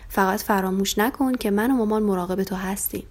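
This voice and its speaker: A woman doing a calm, caring father lamb. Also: medium pitch, lightly acted. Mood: soothing. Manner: gentle and soothing.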